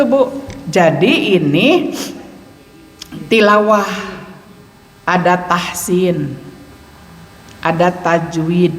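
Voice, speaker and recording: Slow, playful Sundanese woman teacher in a mosque. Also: on the low side, a little hiss or hum. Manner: playful, laughing often, mixing in local words. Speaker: religious teacher. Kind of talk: Ramadan study talk on Quran recitation. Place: mosque hall. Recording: echoey mosque hall with long reverb.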